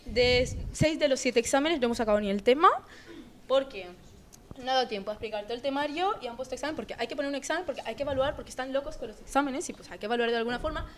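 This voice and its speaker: A woman's voice: sits high, very fast, a little hiss or hum. Teenage girl rambling with fillers. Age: teens. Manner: rambling, with many fillers like "en plan". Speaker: student guest. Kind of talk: casual chat.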